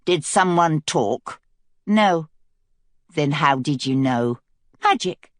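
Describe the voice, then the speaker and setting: A woman's voice: low-pitched, animated, slow, dry recording, clean studio sound. A woman voicing a young queen who speaks firmly and earnestly. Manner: firm, earnest.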